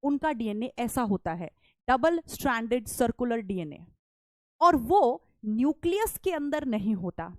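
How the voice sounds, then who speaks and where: A woman teacher giving an online lecture, explaining step by step, asking questions and answering them herself, speaking softly and chatting with her students. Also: on the high side, sing-song, unhurried, no room sound. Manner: chatty, calls students "beta"; soft-spoken, won't shout.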